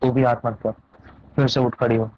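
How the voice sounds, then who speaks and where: A man preaching voices the Lord as a gentle but commanding male divine figure, giving urgent repeated commands. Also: medium pitch, level tone, normal speed, close to an everyday voice. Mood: urging. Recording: dull lo-fi dry recording.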